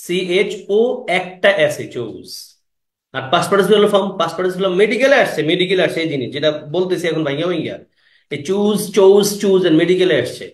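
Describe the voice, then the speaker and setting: A man, teaching English grammar in an exam-prep class. He fires quick questions at the students and repeats the key words. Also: high voice, animated, roomy sound.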